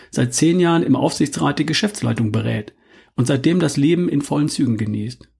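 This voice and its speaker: A middle-aged man hosting a podcast, delivering a calm, measured, scripted monologue. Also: medium pitch, vocal fry, breathy edge. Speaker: podcast host.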